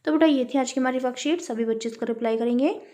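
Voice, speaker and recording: A woman's voice: sits high, quick pace, dark tone. A woman teaching a worksheet lesson to young children, spelling words out syllable by syllable and calling her listeners beta. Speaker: primary school teacher.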